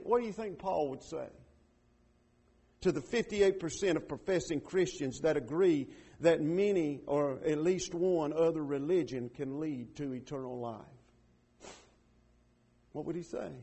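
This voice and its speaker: Impassioned high-voiced male preacher. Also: creaky, breathy edge. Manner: impassioned, rising to loud emphatic declarations, then dropping to quiet earnest appeals. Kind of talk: sermon.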